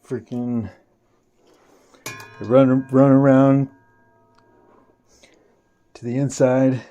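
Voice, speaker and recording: Male vlogger, casual rambling storyteller with frequent swearing and a warm, unhurried delivery. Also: mid-range voice, little pitch movement, muffled recording, faint music behind. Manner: rambling, swears often, restarts a lot.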